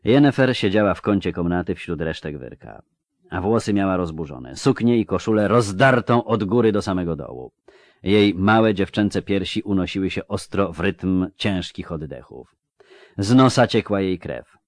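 A deep-voiced male narrator reads a fantasy novel with expressive, varied emphasis. His pitch swings lively across lines. The close mic leaves the sound dry, with no room behind it. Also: normal speed, no echo. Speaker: audiobook narrator. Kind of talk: scripted narration.

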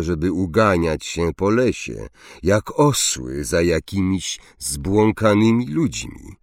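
A man's voice: deep voice, darkish tone, dry recording, clean studio sound, heavily acted. A male narrator voicing a proud, hostile centaur who growls and scolds in an audiobook.

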